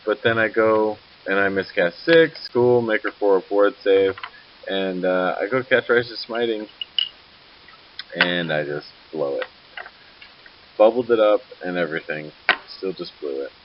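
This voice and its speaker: Man, low pitch, sleepy and loose; casual game-recap narrator, muffled hissy recording. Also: measured pace. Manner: rambling, loose, self-correcting. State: sleepy, yawning. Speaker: tabletop wargame player. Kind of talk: casual battle report narration. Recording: dull lo-fi recording with faint hiss.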